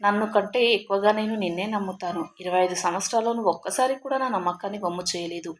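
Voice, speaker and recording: A woman voicing a gentle, devoted middle-aged husband who speaks softly and with care. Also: medium pitch, fast, slight background noise, close to an everyday voice. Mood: tender.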